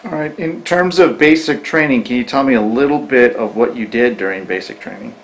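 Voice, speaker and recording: A man asking measured questions as an oral-history interviewer. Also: mid-range voice, rough recording.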